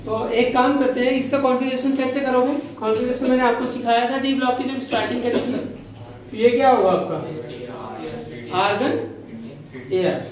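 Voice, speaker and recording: High-voiced man teaching in an echoey room. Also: moderate pace, a crowd in the background. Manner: repeats questions and answers them, calls students "beta". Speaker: chemistry teacher. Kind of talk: classroom lecture. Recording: echoey classroom.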